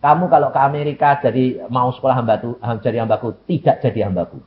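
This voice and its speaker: A man, quoting God speaking gravely to him as a young man. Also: medium pitch, fast talker, natural voice. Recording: lo-fi recording.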